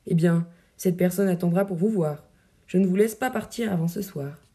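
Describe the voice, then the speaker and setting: A woman's voice: lowish voice, normal speed, mellow, close to an everyday voice. A woman voicing an affectionate noblewoman who chides lightly and fondly, reading verse drama. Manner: light, fond scolding. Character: noblewoman, affectionate, chiding, devoted widow.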